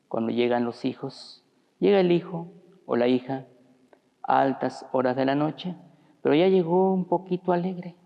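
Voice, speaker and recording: Gravelly priest preaching. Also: male voice, mid-range voice, in a large hall, muffled recording. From Mexico. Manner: storytelling, addresses the congregation as brothers. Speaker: parish priest. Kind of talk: sermon. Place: church.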